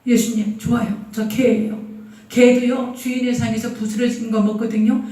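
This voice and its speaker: A frantic mother begs at the top of her voice, her pleas rising high and half sung, played by a woman pastor in her sermon. The sound booms through a very echoey hall, with the mic well away from her. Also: flat delivery, normal speed, recorded from a distance, close to an everyday voice. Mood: humble plea. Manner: shouting, wailing, sing-song pleas. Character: desperate pleading foreign mother, a woman. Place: church sanctuary.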